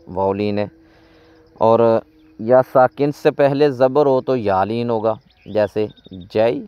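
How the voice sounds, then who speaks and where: A man teaching tajweed speaks at an unhurried, careful crawl, with a smooth, resonant voice. He sets out each rule as a question and its answer, spells the letters one by one, and lifts into a drawn-out chant when reciting. The recording is dry and a little dull. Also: medium pitch, no room sound. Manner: slow, deliberate, repeats rules in question-and-answer form. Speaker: Quran reading teacher.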